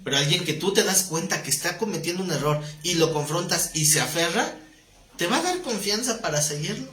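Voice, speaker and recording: Man, Mexican accent, Bible teacher, acts out voices, slightly high voice, faint background noise. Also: brisk. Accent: Mexican Spanish. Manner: animated, acts out voices, jokes with the class. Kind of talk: live Bible class. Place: room with a live audience. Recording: echoey room, faint noise.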